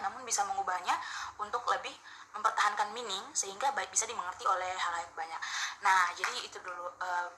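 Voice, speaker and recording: A woman student presenting to her class at a quick clip, her voice bright and forward. She explains with small hesitations, and faint noise sits under the recording. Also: mid-range voice, low-quality recording.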